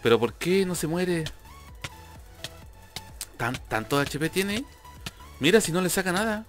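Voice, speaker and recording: A man's voice: high-pitched, big pitch swings, unhurried. A young man giving casual commentary over his own gameplay, talkative and prone to repeating himself when frustrated. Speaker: gamer youtuber. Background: faint background music.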